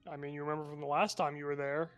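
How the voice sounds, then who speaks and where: A man's voice: on the high side, level tone, very fast, fairly bright tone, clean tone, faint music behind. A man narrating a tabletop game as game master in a casual, hesitant way.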